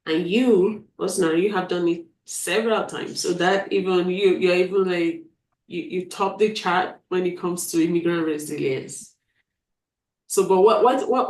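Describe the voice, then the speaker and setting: A woman hosts a live-stream interview over a video call, speaking in a fairly low voice with a darkish tone. She's enthusiastic and often repeats words while framing her questions. The audio sounds roomy, as if she's far from the mic.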